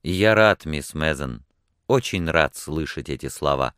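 Rough, plain-spoken grown man, deep and clear, earnest and halting, as read by a male narrator. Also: expressive, fairly bright tone, dry recording, studio quality, full character voice.

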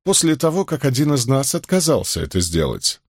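A man reading an audiobook, voicing a calm young clerk who questions in a measured, quietly insistent way. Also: medium pitch, no room sound, studio quality, pitched above the performer's own voice. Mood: probing.

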